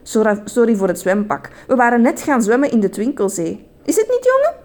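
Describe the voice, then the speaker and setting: A woman's voice: on the high side, huge pitch swings, fairly quick, darkish tone. A woman voicing an eager, chatty grandmother.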